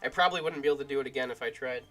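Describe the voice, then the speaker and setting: A man streamer giving goofy, rambling gaming commentary with bursts of shouting, with game music faint behind. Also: medium pitch, rapid-fire.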